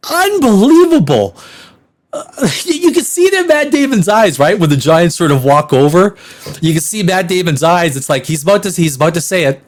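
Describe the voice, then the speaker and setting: A man's voice: high voice, lively intonation, normal speed. A man hosting a blunt, sarcastic movie review, laughing often as he rants. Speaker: film critic host.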